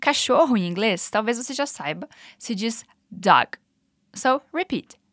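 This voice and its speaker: A woman with a Brazilian Portuguese accent, an upbeat, encouraging English teacher running clear repetition drills. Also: fairly high pitch, lively intonation, a little slow, a bit bright, dry recording, clean studio sound. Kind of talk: language lesson with repetition drills.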